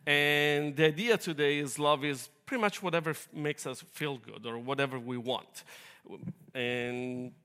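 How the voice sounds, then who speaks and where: A man's voice: a little high, a little slow, pushed and bright, clean tone, soft background music. A man from Italy with an Italian accent, preaching a sermon in an earnest, explanatory way with light humor.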